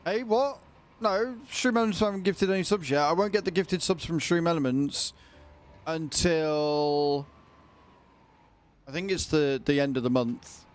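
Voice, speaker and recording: A man's voice: a little high, unhurried. A man livestreaming a video game, chatting casually and informally with his viewers. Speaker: livestreamer, gamer.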